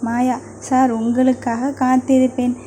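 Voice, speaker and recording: A woman's voice: sits high, level tone, a little slow, warm tone, a little hiss or hum. A woman voicing a shy, lovestruck young woman who speaks timidly and stammers, in an audio novel reading.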